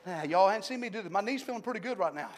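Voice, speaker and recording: Pastor, high-pitched man, swings from hushed to shouting, church with long echo. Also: expressive, very fast. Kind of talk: Pentecostal sermon. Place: large church sanctuary. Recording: long hall reverb.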